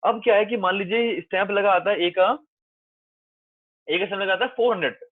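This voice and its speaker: A man's voice: high voice, a little fast, no room sound. A male commerce teacher, lecturing a class in a coaxing, reassuring way and repeating points often. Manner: coaxing, calls students 'beta', reassuring and repetitive. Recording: dry, tinny phone-like sound.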